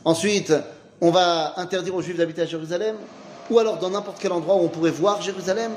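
A man's voice: sits high, fairly even intonation, fast, a little mellow, slight background noise. A man teaching an informal Talmud class, asking questions and then answering them himself in a casual, slangy way.

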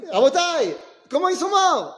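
A man's voice: very high-pitched, very animated, normal speed, a bit bright. A man teaching an informal Talmud class, asking questions and then answering them himself in a casual, slangy way.

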